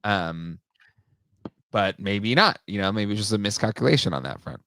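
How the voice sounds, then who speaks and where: A man hosting a casual talk show, with a lowish, bright and forceful voice. He rambles along with plenty of ums and restarts, and he is recorded on a close, dry mic. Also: lively intonation, normal speed, no room sound. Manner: rambling, many fillers and restarts. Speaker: podcast host. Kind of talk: casual chat.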